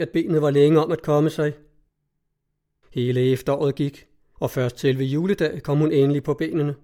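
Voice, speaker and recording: A man narrating an audiobook in a measured, even storytelling manner. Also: a little high.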